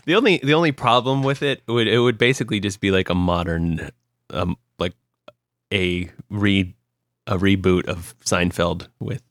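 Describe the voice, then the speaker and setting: Low-voiced man telling rambling stories. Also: normal speed, dry recording. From Ohio, US. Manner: rambling storyteller, many fillers and restarts. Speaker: podcast co-host. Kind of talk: casual chat.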